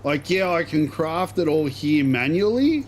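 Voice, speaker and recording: A man's voice: fairly high pitch, sing-song, measured pace, slight background noise. A man giving casual, slangy live gameplay commentary, rambling as he thinks aloud. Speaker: game streamer.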